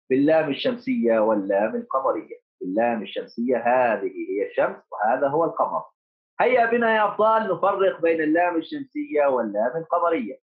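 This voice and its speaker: A man's voice: medium pitch, narrow, tinny audio. A male primary school teacher giving a remote lesson to children, repeating key points and asking and answering his own questions. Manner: addresses pupils as heroes, coaxing.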